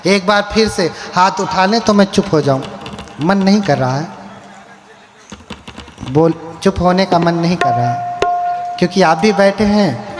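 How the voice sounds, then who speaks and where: Man, Buddhist monk, preacherly sermon, questions the crowd, long hall echo. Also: sits high. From India. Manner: preacherly, asks the crowd questions, chants verses. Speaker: Buddhist monk giving a katha.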